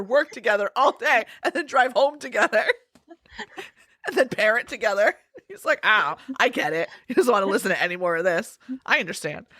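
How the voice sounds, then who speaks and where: A woman co-hosting a podcast in relaxed, rambling chat. Her voice sits high and swings widely in pitch, and she curses freely between bursts of laughter. The sound is dry and close. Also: no echo. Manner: chatty, swears freely, laughs loudly at her own jokes. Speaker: podcast co-host. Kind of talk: casual chat.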